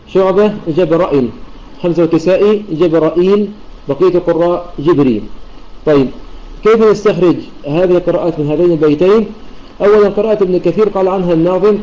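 A man with a somewhat high, dark and mellow voice talks quickly through an online religious lesson. He explains methodically, circling back to restate each point. The sound is dull and lo-fi, like a computer mic in a voice chat room. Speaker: Quran recitation teacher.

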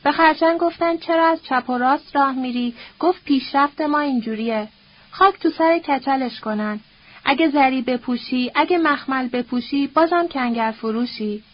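A woman's voice: high-pitched, highs cut off, close to an everyday voice. A woman voicing a bitter, scornful old nobleman who curses and quotes proverbs in a sneering, coarse, grumbling way.

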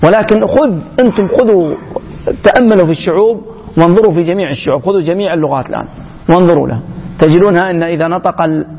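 A man giving an emphatic public lecture to young people, often pausing and restarting mid-phrase. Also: sits high, vocal fry, husky. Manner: emphatic, halting, with frequent restarts. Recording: echoey hall, dull lo-fi sound.

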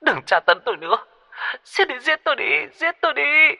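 A man's voice: very high-pitched, very animated, a little fast, vocal fry, pushed and bright, long reverb tail, voice pushed up, exaggerated voice. A man voicing a weak, sobbing captive woman who begs to be killed, in a spoken horror story. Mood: sobbing, begging. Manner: desperate pleading, crying.

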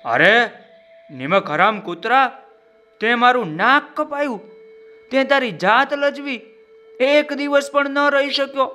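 Male narrator plays a proud, hot-headed nomad trader in a storybook tale; high and bright. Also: lively intonation, measured pace, highs cut off, heavily acted. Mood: furious. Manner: shouting in anger, then wailing in grief.

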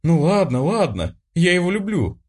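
A man's voice: a little high, very animated, normal speed, a little mellow, breathy edge, voice pushed up. A male audiobook reader voicing a touchy, easily flustered teenage girl who bursts out indignantly. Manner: indignant outbursts.

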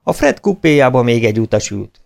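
A man's voice: medium pitch, sing-song, vocal fry. A man reading a children's storybook aloud as narrator, dropping his voice for speech tags. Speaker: audiobook reader.

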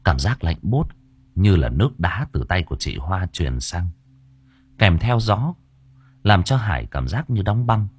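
A man narrating a horror story audiobook in an expressive, dramatic way. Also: low voice, unhurried, breathy edge, dry recording.

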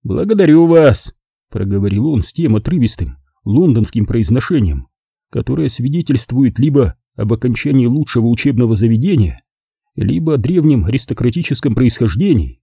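A man narrating an audiobook in a measured, even way. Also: mid-range voice, creaky, breathy edge, no echo, clean studio sound. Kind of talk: scripted narration.

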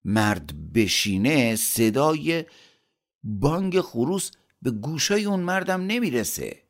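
A man's voice: mid-range voice, very animated, voice pushed up. A man doing a clever young traveler. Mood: sly.

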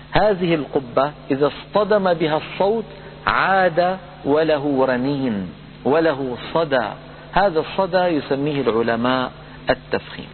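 Man, recitation teacher, fairly high voice, patient and repetitive, tinny phone-like sound. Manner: patient, repeats points, chants examples slowly. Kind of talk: lesson on tajweed rules. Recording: phone-like audio with hum and reverb.

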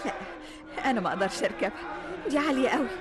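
A woman's voice: a little high, lively intonation, lightly acted. A woman playing shy, teasing young Egyptian Fatma. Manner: playful and fast-talking. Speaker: actress. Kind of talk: radio drama acting. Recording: radio drama with fairground music and crowd. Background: music and crowd.

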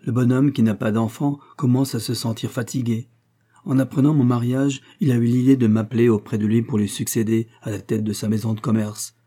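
A man's voice: mid-range voice, flat delivery, fairly quick, warm tone, lightly acted. A man voicing a cheerful, talkative young French newlywed in an audiobook, chatty and enthusiastic.

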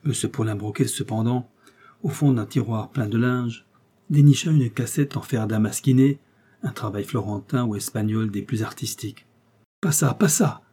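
A man reading a novel aloud in measured, steady scripted narration. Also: fairly low pitch, breathy edge. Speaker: audiobook reader.

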